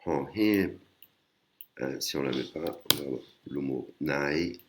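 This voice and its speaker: A man teaching a language lesson in a casual way, with many pauses and fillers, explaining patiently and often adding a tag word at the end of his sentences. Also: a bass voice, fairly even intonation, background noise. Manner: hesitant, many fillers and restarts. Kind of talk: casual screen-recorded lesson.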